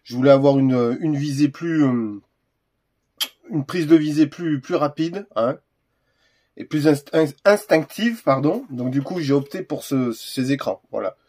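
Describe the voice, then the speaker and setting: A man's voice: medium pitch, measured pace, dark tone. A man hosting a casual unboxing video, talking hesitantly with lots of fillers and restarts. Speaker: gun accessory reviewer.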